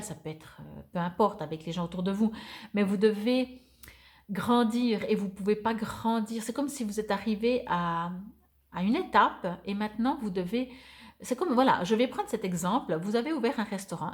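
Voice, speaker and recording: Reading her weekly oracle cards, a woman with a medium-pitched voice thinks aloud, hesitating often as she reads the card texts and comments on them.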